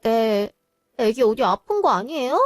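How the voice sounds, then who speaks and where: High-voiced, dramatic young sister-in-law acted by a woman, worn out and whiny, dry read. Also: expressive, a little slow, no room sound.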